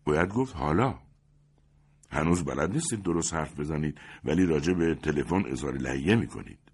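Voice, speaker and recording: A man voicing an arrogant, aloof man at a wedding who answers calmly and with disdain. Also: extremely low pitch, slightly rough, full character voice. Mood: haughty. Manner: calm, haughty and disdainful.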